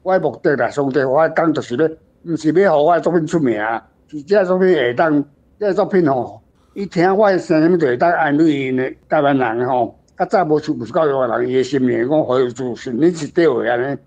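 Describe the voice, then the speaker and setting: In unscripted literary discussion, an older guest author with a Taiwanese accent answers questions, rambling in a plain, emphatic manner and going over the same points. His voice sits high with a darkish tone and a slightly fast pace, on lo-fi audio.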